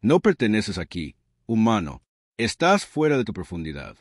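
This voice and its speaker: A man's voice: lowish voice, huge pitch swings, normal speed, no echo, clean studio sound, heavily acted. Man reading as a scarred, angry alien general. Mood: scornful. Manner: defiant.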